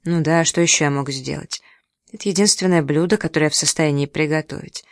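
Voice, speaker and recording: A man's voice: a little high, fast talker, no echo, clean studio sound, natural voice. A reader voicing a moody, self-pitying young man who grumbles and sulks, in a storybook reading. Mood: sulky. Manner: sulky, brooding.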